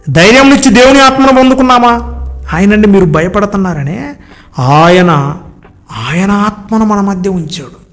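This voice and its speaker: A man preaching a sermon, emphatic and exhorting, piling up repeated phrases and speaking straight to his listeners. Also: high voice. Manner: familiar direct address to listeners.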